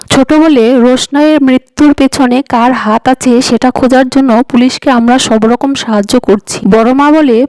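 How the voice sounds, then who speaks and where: A woman's voice: sits high, dark tone, no echo, poor audio. A woman retelling a TV serial episode, reading every character's lines in the same plain voice. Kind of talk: scripted narration with quoted dialogue.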